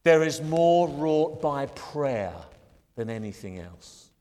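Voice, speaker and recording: An older British man preaching a sermon as pastor, with an emphatic cadence that slows to stress key phrases. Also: a little high, expressive, a little mellow, big-room sound. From Britain.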